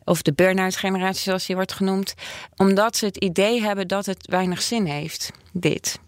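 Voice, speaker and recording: A woman's voice: medium pitch, fairly even intonation, moderate pace, dry recording, clean studio sound. A woman in her thirties in casual conversation, speaking in a thoughtful, candid way as she searches for her words. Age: 30s. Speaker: host.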